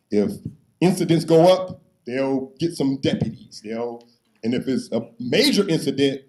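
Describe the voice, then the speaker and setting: A man's voice: fairly high pitch, mellow, rough recording. A man giving a public history lecture, conversational and emphatic, repeating key phrases and acting out quotes to a live audience.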